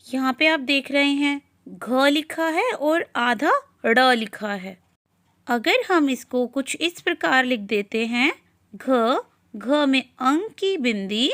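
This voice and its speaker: A woman's voice: sits high, fairly bright tone, dry recording, studio quality. A woman teaching young children to read, sounding out syllables one by one and answering her own questions. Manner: slow, deliberate sounding-out of syllables; asks questions and answers them herself. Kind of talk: children's reading lesson.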